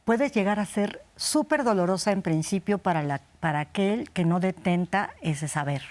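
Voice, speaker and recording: A woman's voice: mid-range voice, expressive, normal speed, a little mellow. A woman speaking as an expert guest in a studio conversation, thinking aloud and restarting sentences. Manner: thoughtful, restarts mid-sentence.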